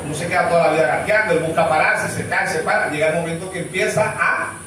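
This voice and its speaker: Speaking quickly in a sharp, high-leaning voice, a male pastor with a Venezuelan Spanish accent throws rhetorical questions at his congregation and prompts "¿sí o no?" replies. The church hall echoes heavily, the mic sits far from him, and a little hiss or hum is audible.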